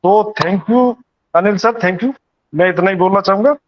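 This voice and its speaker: A man speaks loudly and quickly in a high voice, thanking the presenter. His audio is muffled and lo-fi. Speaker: participant. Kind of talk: casual testimonial.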